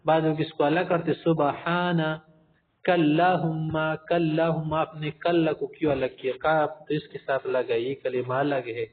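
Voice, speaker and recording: A man teaching Quran recitation rules, explaining patiently and slowly singing out example verses. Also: fairly high pitch, little pitch movement. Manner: demonstrates recitation slowly, drawn out and sung; addresses listeners as respected gentlemen, explanatory. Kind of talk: tajweed lesson. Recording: tinny phone-like recording.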